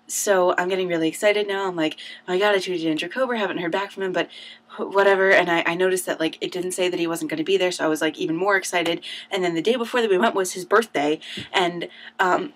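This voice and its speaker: Young woman, bubbly storyteller for a casual home vlog; low-ish voice, fills with "like" and "um.". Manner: bubbly, gushing, says "like" a lot. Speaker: vlogger. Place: at home, indoors.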